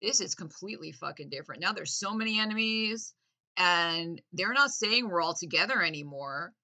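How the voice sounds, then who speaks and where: A woman's voice: fairly low pitch, expressive, moderate pace, sharp tone. A woman delivering a sarcastic, mock-earnest political rant, sometimes laughing at her own irony. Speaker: satirical commentator.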